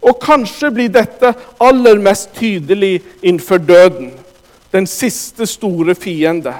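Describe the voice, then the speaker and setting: Man preaching, high and emphatic. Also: big-room sound. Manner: emphatic, addresses the congregation directly. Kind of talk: sermon.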